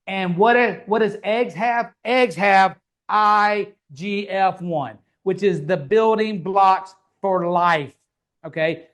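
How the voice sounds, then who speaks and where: High-voiced stammering man. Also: fairly bright tone. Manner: stammering restarts, calls listener brother. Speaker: podcast host. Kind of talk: casual podcast chat.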